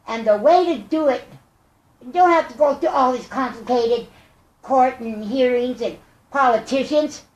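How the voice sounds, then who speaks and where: An older woman vlogs in a high, squeaky voice, like a chipmunk on helium. She talks slowly and earnestly, halting and then stressing her words as she rambles. The recording is echoey, made indoors on a tablet. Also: darkish tone, dull audio. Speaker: vlogger. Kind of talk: rambling personal monologue to camera. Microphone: tablet microphone. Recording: echoey room.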